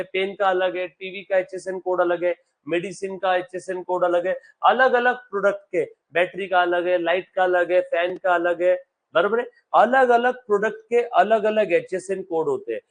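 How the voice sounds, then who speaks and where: Male commerce teacher, high voice, live classroom, quizzes students often. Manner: quizzes students, calls them beta; reads English text slowly, explains in Hindi. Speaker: accountancy teacher.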